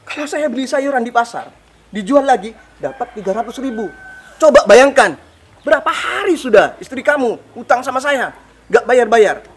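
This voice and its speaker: An actor playing a harsh, rude shopkeeper neighbor who scolds a debtor, with a husky, belittling voice in a web drama. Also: male voice, extremely high pitch, animated, moderate pace, a little hiss or hum. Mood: scolding. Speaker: neighbor shop owner.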